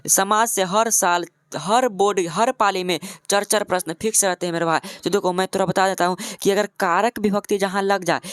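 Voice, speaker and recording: A man's voice: high-pitched, fairly bright tone, clean tone, dry recording, clean studio sound. A man teaching as an exam coaching tutor, repeating each question, then its answer, and calling the listener "my brother".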